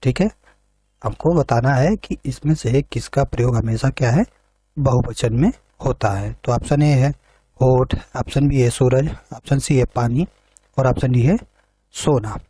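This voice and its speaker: Man, teacher, patient step-by-step explaining, husky, dry close sound. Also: medium pitch, measured pace, dark tone, no room sound. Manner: explains step by step, repeating questions back. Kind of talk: exam prep lesson.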